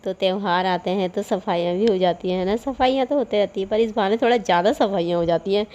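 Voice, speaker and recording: A woman's voice: mid-range voice, fast talker, mellow, muffled recording. A middle-aged woman vlogger, a mother, chatting casually in voice-over about her housework. She rambles, laughs often, and has a cold with a sore throat.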